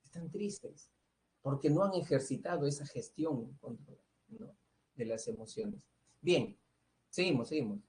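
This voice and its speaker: A man's voice: fairly high pitch, expressive, a little mellow, a little hiss or hum. Peruvian man teaching psychology. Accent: Peruvian Spanish. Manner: explanatory, tags nearly every phrase with a questioning "¿no?"; fills pauses with "este" and "eh". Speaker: pre-university psychology teacher. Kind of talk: online lecture to students.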